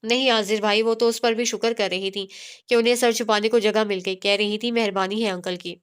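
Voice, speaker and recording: A woman's voice: mid-range voice, steady tone, clean tone, lightly acted. A woman voicing an innocent young woman in a story, speaking naively and asking many questions. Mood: curious.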